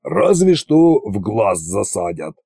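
A man voicing a bossy, scheming old male tsar in an audiobook, slow and commanding in a folksy way. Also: on the low side, very animated, creaky, mellow, slightly rough, dry recording, studio quality, full character voice. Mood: scolding. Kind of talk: audiobook character reading.

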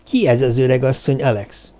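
A man's voice: medium pitch, darkish tone, close to an everyday voice. A man reading an audiobook, voicing a stern male investigator who questions suspects firmly and insistently.

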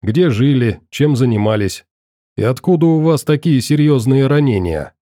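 A man's voice: mid-range voice, expressive, warm tone, no echo, clean studio sound, close to an everyday voice. A man voicing a coldly polite middle-aged interrogator in an audiobook, courteous and probing. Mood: pointedly polite. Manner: pointedly courteous, probing, deliberate.

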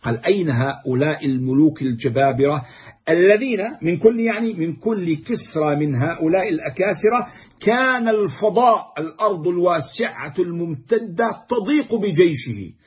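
A man's voice: on the high side, lively intonation, moderate pace, husky. A man lecturing on classical poetry, reciting verses and then explaining them word by word. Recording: dull, muffled lo-fi recording.

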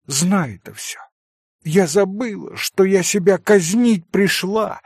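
A man's voice: sits high, takes it slowly, breathy edge, dry recording, clean studio sound, pitched above the performer's own voice, full character voice. A man reading an audiobook voices a proud, anguished young woman who talks in intense bursts. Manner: intense, breaking into sudden outbursts.

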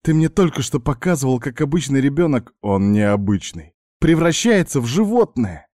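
A man's voice: fairly high pitch, fairly quick, mellow, no echo, clean studio sound, voice pushed up, natural voice. A man reading an audiobook, voicing a defiant young woman doctor with snappy, indignant retorts. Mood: desperate.

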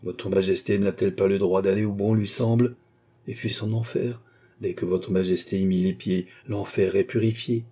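A man's voice: sits low, steady tone, normal speed, mellow, slightly rough. A man reading an audiobook, voicing a devoted young nobleman who speaks with fervent, courtly deference.

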